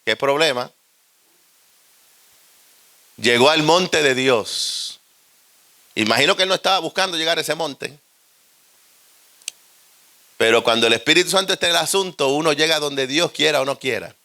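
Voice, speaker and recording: A man with a Puerto Rican accent preaching a humorous storytelling sermon, animated and joking. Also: fairly high pitch, normal speed, pauses often.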